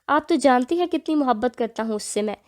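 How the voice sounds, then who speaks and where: A woman's voice: sits high, animated, a little mellow. A woman reading the part of a hot-tempered young husband in an audio novel, with clipped, biting delivery. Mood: angry.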